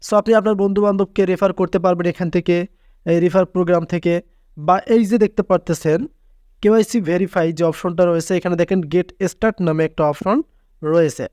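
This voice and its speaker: A man with a notably high voice leads a screen-recorded app tutorial in an insistent, repetitive way. The recording is close and dry, with no room sound behind him. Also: fairly even intonation, fast talker, a little mellow, smooth, no room sound. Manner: insistent, repeats filler words for emphasis. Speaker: tutorial channel host.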